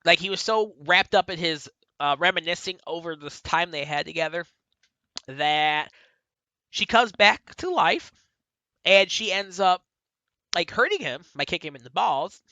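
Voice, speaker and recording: A man's voice: high voice, animated, a little slow, sharp tone, dry recording, muffled recording. A man giving a casual spoken review, retelling events in a rambling way with many fillers and self-corrections. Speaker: book and TV reviewer.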